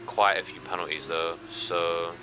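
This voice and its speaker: A man giving casual live commentary on an online racing league, chatty and jokey, with sudden rises in excitement. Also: low-pitched, measured pace, over a noisy crowd. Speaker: race commentator.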